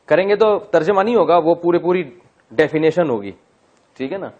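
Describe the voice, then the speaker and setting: Man teaching Arabic grammar, slightly high voice. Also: lively intonation, darkish tone. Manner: drawn-out, deliberate recitation of Arabic words, joking asides. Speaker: Quran teacher. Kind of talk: classroom Arabic grammar lesson. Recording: dull, muffled lecture recording.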